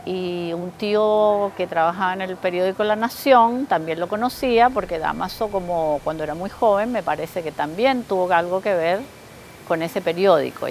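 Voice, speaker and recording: A woman from Chile recalls the past in a documentary interview, speaking reflectively and pausing for words. Her voice has a gravelly edge, and faint noise sits behind it. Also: fairly low pitch, low-quality recording. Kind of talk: interview recollection.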